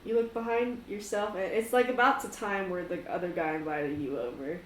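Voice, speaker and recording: A woman's voice: medium pitch, steady tone, a little fast. A woman acting as game master, narrating a tabletop game in a casual, informal, giggly way. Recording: echoey room with clear noise.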